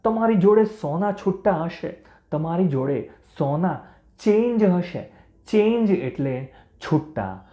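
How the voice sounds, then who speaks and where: A man teaching English pronunciation to beginners, spelling out words letter by letter and repeating each one slowly and clearly. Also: high-pitched, lively intonation, muffled recording. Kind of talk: language lesson for beginners. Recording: roomy echo.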